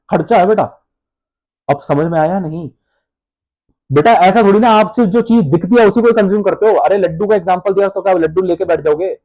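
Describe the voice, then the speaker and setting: Animated high-voiced teacher. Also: male voice. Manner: animated, addresses students as beta, plays student answers himself. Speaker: accounting teacher. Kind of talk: classroom lecture.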